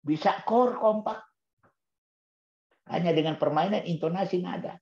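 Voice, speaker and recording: Speaking at a measured pace in a high, creaky, slightly mellow voice, a man reviews a book on Islamic parenting for an audience of parents. He asks questions only to answer them, stressing key words through repetition, in a roomy, dull-sounding recording.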